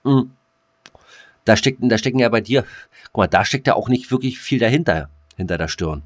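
Co-hosting a jokey podcast conversation, this man has a mid-range, animated voice at a moderate pace, with no echo on the recording. His speech rambles, packed with ums, fillers, and restarts.

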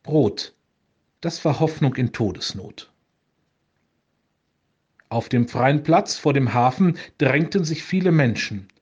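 A pastor reading a saint's legend aloud for a radio show, calm and measured. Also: male voice, medium pitch, breathy edge, lo-fi sound.

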